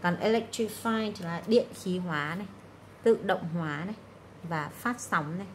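A woman's voice: lowish voice, normal speed, a little hiss or hum. A woman English teacher going through exam answers, explaining key words and often checking in with "right?". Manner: explanatory, frequent "đúng không?" check-ins.

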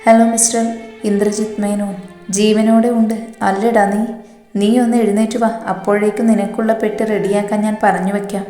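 A woman's voice: medium pitch, flat delivery, brisk, dark tone, lightly acted. A woman voicing a threatening older male ex-politician who mocks and bullies over the phone. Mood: menacing. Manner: threatening, mocking. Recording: roomy echo, faint music.

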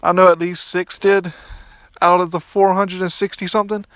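A man's voice: sits high, little pitch movement, moderate pace, fairly bright tone, dry recording. A young man casually commenting on his gameplay, rambling and restarting his sentences, recorded on a phone outdoors by a pool. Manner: rambling, restarts often, mildly crude. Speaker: gaming YouTuber.

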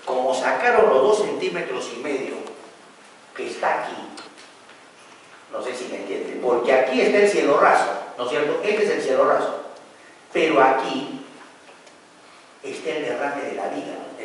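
A man gives a building-supervision lecture, telling a work story with a lively, swinging voice. He is heard from across a big echoing hall, with a faint hiss behind him. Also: medium pitch, normal speed, long pauses. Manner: animated storyteller, acts out quarrels. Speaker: construction instructor. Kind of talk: lecture with anecdote. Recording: echoey hall from far off, faint noise.

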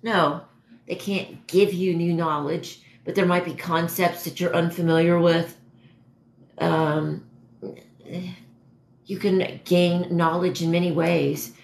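A hoarse-voiced woman in her forties hosts a livestream from a dim living room at home, casually and haltingly answering viewers. Her voice is lowish and her tone steady. A phone propped a step or two away records her, so the room sounds echoey.

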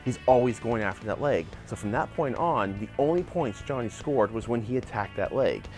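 A man's voice: medium pitch, normal speed, faint music behind. A man in his forties, a martial arts channel host, gives opinionated commentary outdoors in a backyard on a lapel mic, talking animatedly. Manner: animated, gestures a lot while arguing a point. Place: outdoor backyard by a wooden fence.

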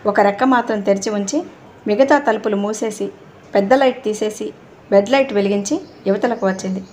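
A woman narrating a novel aloud in a steady storytelling reading. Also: mid-range voice, a little hiss or hum. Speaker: audiobook narrator.

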